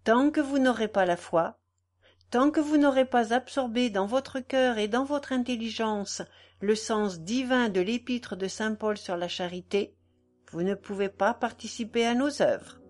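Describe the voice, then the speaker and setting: A woman reading the lines of a gentle, devout old man in an audiobook, earnest and measured. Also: fairly high pitch, natural voice. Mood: solemn.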